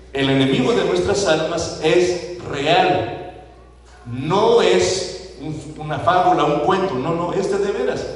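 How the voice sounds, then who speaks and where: A man with a Mexican Spanish accent preaching a sermon to his congregation, asking them questions and acting out the people he quotes. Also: sits high. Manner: asks the congregation questions, acts out quoted voices. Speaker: pastor. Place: church sanctuary. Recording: echoey church hall, voice from far off.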